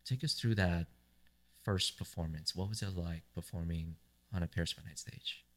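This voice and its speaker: A man's voice: low-pitched, normal speed, fairly bright tone. A man from the United States hosting a podcast, asking long rambling questions with many fillers. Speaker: podcast host. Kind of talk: casual interview chat.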